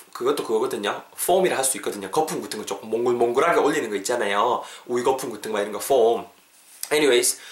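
A man hosting an English lesson podcast, chatting in a relaxed way and slowing down to repeat phrases for learners. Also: mid-range voice, reverberant. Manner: chatty and encouraging, drills phrases slowly and repeats them. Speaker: English teacher and podcast host. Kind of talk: casual spoken English lesson.

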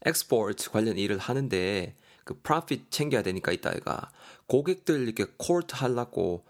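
A man voicing a young man who complains in slangy about his brother. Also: medium pitch.

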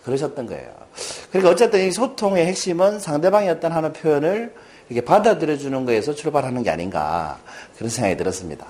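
A middle-aged man lecturing to a class through stories, his pitch swinging widely as he speaks. His voice sits a little higher than most men's, and he keeps turning to the audience with questions. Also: quick pace. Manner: animated, addresses audience with questions.

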